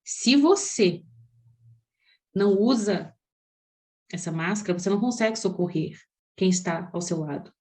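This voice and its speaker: A woman with a Brazilian accent, a parenting coach giving an expressive teaching talk that speaks straight to parents and asks them many questions. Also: medium pitch, measured pace, long pauses. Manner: expressive, talks directly to parents.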